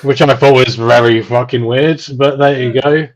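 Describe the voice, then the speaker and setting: A man giving relaxed, dry, chatty live commentary on a race, with many pauses and "um"s. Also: mid-range voice, poor audio. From United Kingdom.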